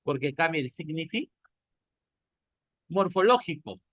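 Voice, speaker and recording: A Peruvian teacher with a Peruvian Spanish accent lectures his class, posing questions and answering them himself. His voice is fairly high and a bit bright, with big pitch swings and normal speed. The recording is dry.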